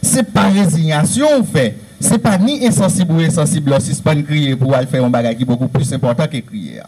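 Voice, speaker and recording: Man with a Haitian Creole accent, lecture-style talk, mellow and a little high, earnest and repetitive. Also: fairly quick, a little hiss or hum, low-quality recording. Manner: earnest, repetitive, emphatic listing. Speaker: speaker on Haitian history.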